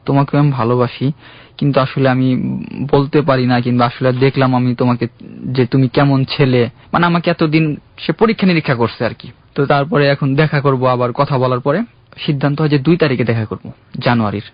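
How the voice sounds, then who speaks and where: A young man calling in to a radio show, earnestly recounting his own love story in a halting, heartfelt way. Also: medium pitch, no room sound. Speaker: caller. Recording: dull, dry radio studio sound.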